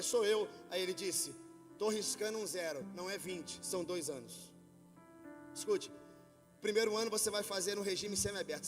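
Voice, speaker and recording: A male pastor with a Brazilian Portuguese accent preaching a sermon, telling a story quietly and then building to shouted preaching. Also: sits high. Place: church hall with worship band. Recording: long hall reverb with faint music.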